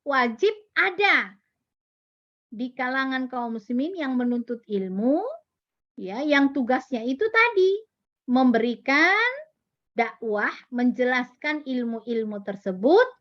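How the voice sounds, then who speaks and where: A woman with a high voice gives a religious lesson to parents. She explains step by step, repeats key words and asks rhetorical questions. The sound is dry and somewhat dull. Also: sing-song, takes it slowly, long pauses, dry recording. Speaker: religious teacher at a parenting class. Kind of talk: Islamic study lesson.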